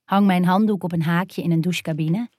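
Woman softly narrating an erotic story. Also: fairly low pitch, steady tone, brisk, dry recording, studio quality.

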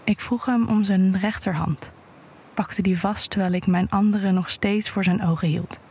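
A woman reading an intimate erotic story aloud in a hushed voice that often drops to a whisper. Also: medium pitch, steady tone, normal speed, breathy edge. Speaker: narrator.

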